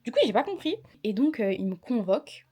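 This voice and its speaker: A young woman with a fairly high, sing-song voice talks briskly, her warm tone carrying a breathy edge. In a casual storytime vlog about her student day, she sounds tired as she chattily and indignantly recounts a clash with a teacher.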